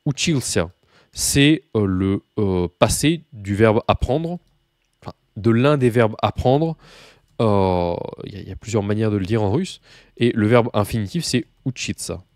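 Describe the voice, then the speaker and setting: A man with a somewhat low voice runs a relaxed beginner Russian lesson, talking straight to his learners. He rambles through asides and fillers. The sound is dry and close, with no room echo. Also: measured pace. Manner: chatty, many fillers and asides, addresses learners directly. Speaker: Russian teacher. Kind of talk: casual video lesson.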